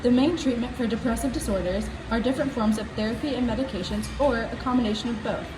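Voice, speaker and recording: A woman's voice: fairly high pitch, quick pace, lightly acted. Woman as distant, echoey puppet psychiatrist. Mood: calm, instructive. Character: Doctor Mark, calm instructive psychiatrist sock puppet. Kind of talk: scripted educational puppet skit. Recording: roomy, distant mic, noisy background.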